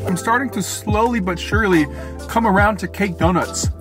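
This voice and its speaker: A man's voice: sits high, normal speed, loud music behind the voice. A man vlogging a casual food review from a parked car, chatting and commenting between bites. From Florida. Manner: chatty, tasting and commenting as he eats.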